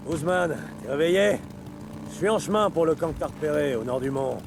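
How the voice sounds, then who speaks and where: Gravelly, cynical biker drifter. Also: male voice, mid-range voice, very animated, normal speed. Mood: brisk, gruff. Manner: blunt, sardonic. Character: gruff, cynical male biker drifter, blunt survivor. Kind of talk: video game acting, radio exchanges. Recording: clear engine and vehicle noise.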